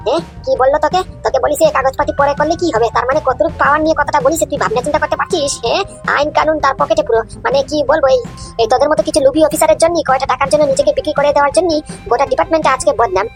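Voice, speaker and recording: A woman voicing a defiant, honest young male police officer in a cartoon comedy, scolding in a rapid tirade. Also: high voice. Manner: scolding, rapid, repeats "understand?".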